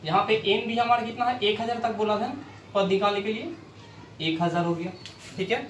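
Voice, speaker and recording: A man's voice: high voice, brisk, fairly bright tone. Echoey male maths teacher quizzing the class. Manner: asks questions and answers them himself. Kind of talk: blackboard maths lesson. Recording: echoey room, mic far off, faint noise.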